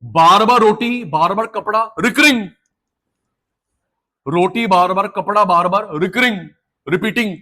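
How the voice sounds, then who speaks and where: A middle-aged man teaching an economics class live, energetic, mixing Hindi and English and drilling students with repeated call-and-response. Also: high-pitched, a little slow, pauses often. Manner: mixes Hindi and English terms.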